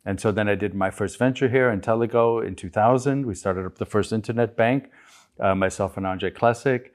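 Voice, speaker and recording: A middle-aged American man from Chicago, a guest telling his story in a relaxed interview, with many restarts. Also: on the low side, a little fast. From United States, Chicago. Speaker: guest entrepreneur. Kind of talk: conversational interview.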